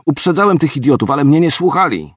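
A man's voice: lowish voice, huge pitch swings, normal speed, breathy edge, no echo, studio quality, full character voice. A male narrator voicing a terse, wary older Cossack militia sergeant in his sixties, speaking in clipped replies. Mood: indignant. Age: 60s.

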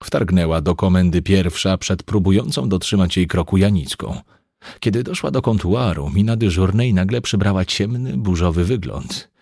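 A man reading an audiobook, narrating in a measured, dramatic storytelling manner. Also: low voice, expressive, gravelly, a little mellow, breathy edge, no echo, clean studio sound.

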